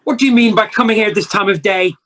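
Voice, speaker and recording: An actor playing a reformed old miser uncle in an amateur radio play, speaking in a theatrical, deliberate way over a home video call. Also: medium pitch, steady tone, a bit bright, slight background noise, lightly acted. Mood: mock stern.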